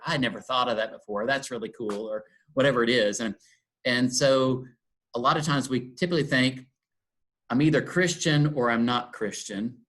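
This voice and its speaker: A middle-aged man from Texas, USA, a guest in an interfaith dialogue, speaks thoughtfully and without hurry in a reflective conversation. He pauses with ums and restarts, circling back on phrases as he works through an idea, and his voice is medium-pitched with a fairly bright tone.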